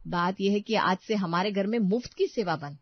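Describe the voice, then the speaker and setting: A woman voicing a sharp-tongued young daughter-in-law who complains with indignation. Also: medium pitch, normal speed, no echo, pitched below the performer's own voice, natural voice. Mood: persuasive. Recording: dry, slightly dull sound.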